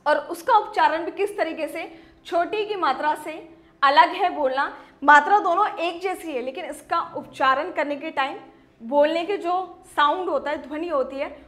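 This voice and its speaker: A woman with a high, light voice teaches young children in an online phonics lesson. She sounds out words slowly, syllable by syllable. She keeps checking in with the class in a patient way. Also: fairly bright tone. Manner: slow syllable-by-syllable sounding out, repeats "ठीक है"; patient, addresses children as "बेटा".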